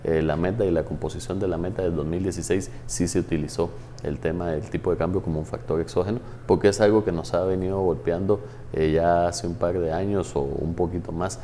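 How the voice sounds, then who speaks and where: A man in his thirties, a studio interview guest who explains in a measured way with many hesitant fillers. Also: low voice, steady tone, mellow, slight background noise. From Guatemala. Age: 30s. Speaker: guest, former tax agency head.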